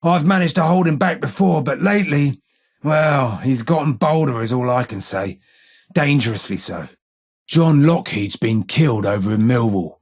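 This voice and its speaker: A husky, gravelly male voice of medium pitch and a darkish tone voices a tired, aging London underworld informant for a video game. Raspy and full of vocal fry, he speaks with a London accent in a thoughtful mood. His lines are measured and wry, peppered with street slang and old guilt.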